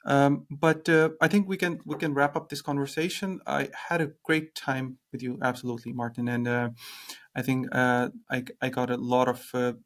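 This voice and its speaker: Young male podcast host, middling pitch, hesitant casual delivery. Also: level tone, moderate pace, a bit bright. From Pakistan. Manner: hesitant, leans on "like" fillers.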